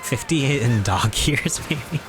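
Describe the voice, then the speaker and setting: A man's voice: mid-range voice, huge pitch swings, slow pace, over music. A man in his twenties chatting casually on a live stream while he games, rambling in a mock-serious, joking way and chuckling often. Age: 20s.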